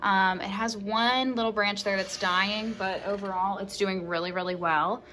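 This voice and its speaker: A woman's voice: mid-range voice, steady tone, normal speed, bright, forceful tone. A woman vlogger giving a casual, upbeat tour of her houseplants around her condo, talking with lots of fillers. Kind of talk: casual home plant tour. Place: her condo, moving between indoors and outside.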